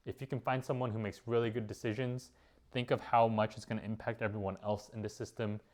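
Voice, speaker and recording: A man's voice: fairly low pitch, level tone, quick pace, a little mellow. A man giving casual vlog advice as a business owner, rambling with many fillers and restarts.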